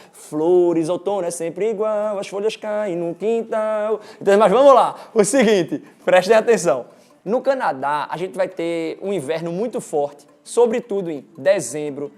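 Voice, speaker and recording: A man with a Recife accent, presenting an informal explainer for an exchange agency and talking straight to his viewers with lively emphasis. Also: high voice. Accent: Recife, Brazilian Portuguese.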